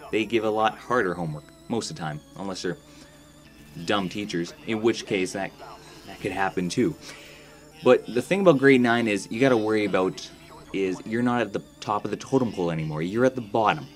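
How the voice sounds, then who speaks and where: A young man giving crude, sarcastic gameplay commentary in a laid-back storytelling manner. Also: on the low side. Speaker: gaming commentator. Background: faint background music.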